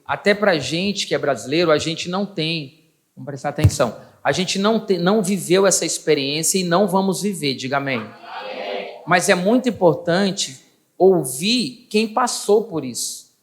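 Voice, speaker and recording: A man leading a church meeting, prompting guests to speak and the congregation to answer. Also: a little high. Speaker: church host. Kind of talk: church talk.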